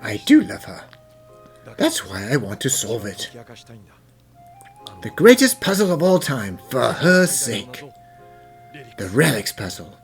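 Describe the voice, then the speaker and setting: A medium-pitched gentleman professor, acted by a man, formal and thoughtful. His intonation rises and falls dramatically as he explains, in animated dub style. Light music sits underneath. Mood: resolved. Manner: composed, formal, measured explanations. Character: gentlemanly puzzle-solving professor, thoughtful, devoted father. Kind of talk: animated fan dub acting.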